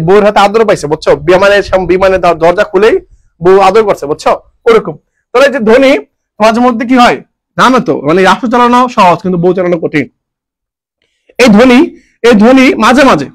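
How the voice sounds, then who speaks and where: Male online grammar tutor, high quick voice, repetitive and jokey. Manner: repetitive, asks and answers his own questions; jokey, homely dialect forms. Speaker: teacher.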